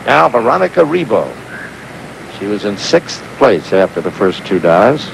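A man's voice: on the low side, very animated, normal speed, creaky. A man giving live sports commentary on an old, noisy outdoor broadcast. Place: outdoor diving stadium.

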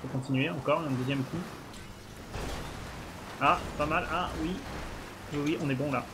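A man's voice: fairly high pitch, fairly even intonation, moderate pace. A man in casual, slangy gaming chat, joking and swearing as he plays. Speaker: video game player. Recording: clearly noisy background with clicks. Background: noise and clicking.

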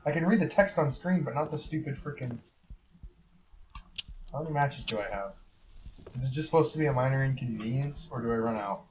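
This gamer's mid-range voice is animated and a little fast, with frequent pauses and a darkish tone, over soft background music. He's casually narrating his horror game playthrough, muttering wry thoughts aloud as in let's play commentary, recorded on a slightly dull lo-fi mic with faint hiss.

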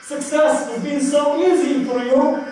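A man playing a deadpan Soviet KGB comrade in a live comedy double act, with a mock Russian accent and stiff, broken English. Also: very high voice, unhurried, soft background music. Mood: mock-solemn. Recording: echoey hall from far off.

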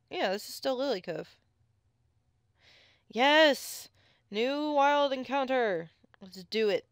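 A woman giving chatty, excitable commentary on her own gameplay into a close mic, with sudden squeals when something catches her eye. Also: fairly high pitch, no room sound. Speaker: let's play gamer.

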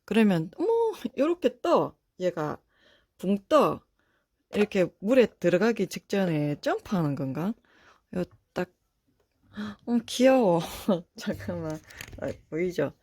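A woman chatting as she unboxes toy figures. Her pitch leaps up and down as she exclaims and talks to herself. Wrapping crinkles behind her. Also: very animated, slow, a little mellow, no echo, clean studio sound. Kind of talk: casual unboxing chat.

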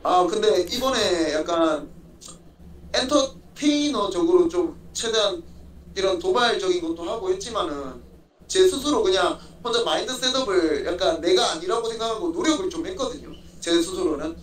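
Young male fighter, interviewee. High voice, polite and halting, repeats himself. Echoey, distant phone audio. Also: animated. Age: young adult. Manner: polite, halting, often repeats his own phrases. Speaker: MMA fighter being interviewed. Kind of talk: casual remote interview answers. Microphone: phone at arm's length, video call. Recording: echoey room, far-off mic, faint noise.

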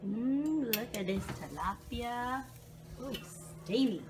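A woman's voice: fairly high pitch, lively intonation, slow, noisy background. A young woman chatting casually to her viewers in a home vlog, upbeat and talkative. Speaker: vlogger. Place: at home indoors.

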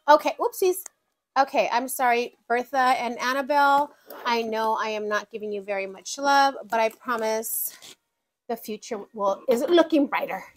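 A woman's voice: fairly high pitch, slight background noise. A woman vlogging about her budget in casual chat, counting bills aloud and chatting to her savings binders.

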